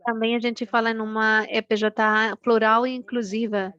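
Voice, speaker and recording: A woman giving an earnest, deliberately paced talk as a panelist at an online meeting, slowing down so interpreters can follow. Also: on the high side, level tone, fairly bright tone, clean tone, lo-fi sound. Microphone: video call.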